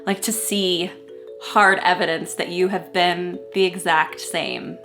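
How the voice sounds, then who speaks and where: A young woman in a casual, animated, self-mocking and giggly manner, chatting and reading aloud from an old diary. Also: lowish voice, slow pace, soft background music. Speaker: vlogger.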